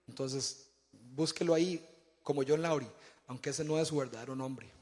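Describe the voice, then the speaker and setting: A man voicing Jesus in a sermon story, speaking in a lowered, quiet and soothing way. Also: moderate pace, long reverb tail, natural voice. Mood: calm. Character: calm, gentle Jesus reassuring a man.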